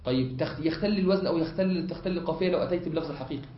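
A man with an Egyptian accent, teaching a lesson as a sheikh, often pausing to have students fill in the word and repeating points. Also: on the high side, slight background noise. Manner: asks the class to fill in words, repeats points. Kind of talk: classroom lesson. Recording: echoey hall, muffled lo-fi.

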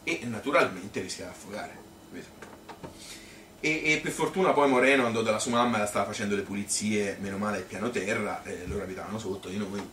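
A man with a low-leaning voice, lightly acted and in a Tuscan Italian accent, performs a spoken theatre monologue as a rambling father born in 1951, reminiscing about his childhood in folksy, colloquial style. Nostalgic and animated, he halts and stutters over words. The recording is from a roomy, echoey theatre with a distant mic and faint noise.

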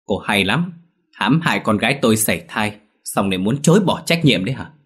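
A man's voice: deep voice, steady tone, very fast, husky. A man reading as a stern scolding mother-in-law. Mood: accusing. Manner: scolding, accusing. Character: stern angry older mother-in-law, woman.

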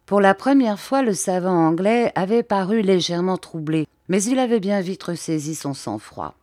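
A woman reading a novel aloud as an audiobook narrator, voicing the dialogue with lively shifts in pitch and loudness. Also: normal speed, no room sound, clean studio sound. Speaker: audiobook reader. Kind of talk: scripted narration.

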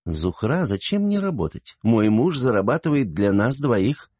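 A man's voice: mid-range voice, very animated, measured pace, a little mellow, no room sound, clean studio sound. A man voicing an insolent, haughty young woman in an audiobook, with a scornful, brazen manner.

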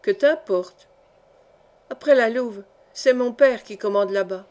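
A woman's voice: a little high, a little slow, a little mellow, natural voice. Woman reader playing a sullen young peasant guy, wary and defiant. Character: sullen, suspicious twenty-year-old peasant man.

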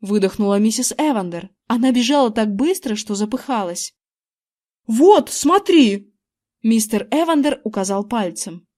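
A woman narrating an audiobook in the first person with lively, expressive storytelling. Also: mid-range voice, moderate pace.

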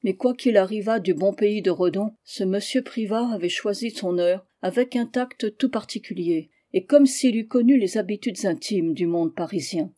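Mellow-voiced man reading a novel. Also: high-pitched. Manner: measured literary reading. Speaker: audiobook reader. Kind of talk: scripted narration.

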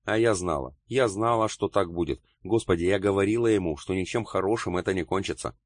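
A man's voice: deep voice, a little fast, no echo, clean studio sound. A man voicing a young secretary who talks in a wild, hysterical way, in an audiobook. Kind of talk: audiobook character reading.

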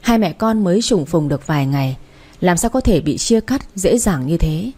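A woman narrates a first-person audio story with emotional, dramatic storytelling. Her voice is mellow and warm, with soft edges. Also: on the low side, expressive, moderate pace, breathy edge.

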